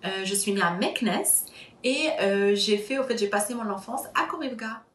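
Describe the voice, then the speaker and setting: A Moroccan-born woman in her thirties gives an earnest personal testimony as an interviewee, full of hesitations and fillers. Her mid-range voice moves at normal speed, and the recording sounds roomy.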